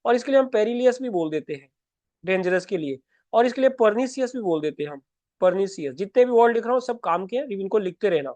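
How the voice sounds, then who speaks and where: A man's voice: high voice, expressive, quick pace, a little mellow, no echo. A man teaching vocabulary for exams in Hindi. He explains patiently, says each word aloud again and corrects himself mid-sentence. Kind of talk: exam-prep vocabulary lesson. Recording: slightly dull, dry audio.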